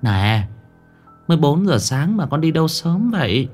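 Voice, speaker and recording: Brief: a nosy elderly street vendor woman, voiced by a male narrator, raised pitch. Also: sing-song, unhurried, a little mellow, faint music behind. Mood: curious.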